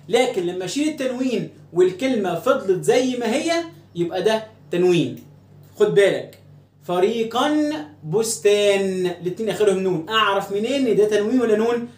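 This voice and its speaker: A man with an Egyptian Arabic accent teaches a grammar lesson at a brisk pace, stretching out each example word. He keeps asking questions and answering them himself. The room around him rings with echo. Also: sits high, darkish tone. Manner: drills words slowly, asks and answers his own questions.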